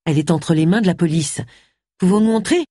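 A narrator voicing a brisk, headstrong middle-aged woman detective. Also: mid-range voice, dark tone, no room sound, studio quality, lightly acted. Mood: firm.

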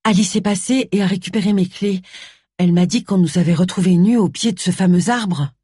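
A woman's voice: medium pitch, brisk, dark tone, slightly rough, no echo, clean studio sound, close to an everyday voice. A woman voicing a matter-of-fact young female assistant in an audiobook. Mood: dry.

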